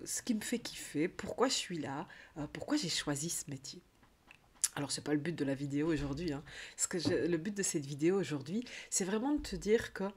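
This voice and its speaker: A woman's voice: on the low side, breathy edge. A woman with a Belgian French accent, a coach talking in a rambling, chatty video diary full of fillers.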